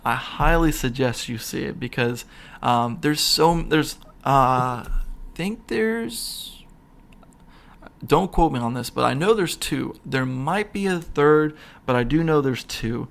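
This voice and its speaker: Chuckling through his retellings of comedy movie scenes, a podcast host chats in a loose, rambling way full of fillers and restarts. He speaks slowly in a mid-range voice that is creaky and a bit bright.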